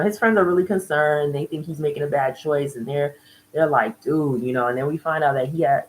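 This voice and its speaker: A woman's voice: slight background noise, rough recording. A woman recapping a reality TV episode in casual chat, laughing often and acting out what the people said. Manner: chatty, laughs often, acts out quotes with jumps in pitch. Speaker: reality TV reviewer.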